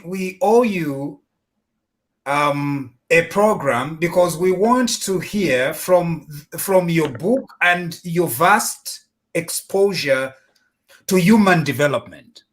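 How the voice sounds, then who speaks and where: A man's voice: on the high side, slow pace, fairly bright tone. A male talk show host with a playful manner who often stumbles and restarts his sentences. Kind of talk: online talk show hosting.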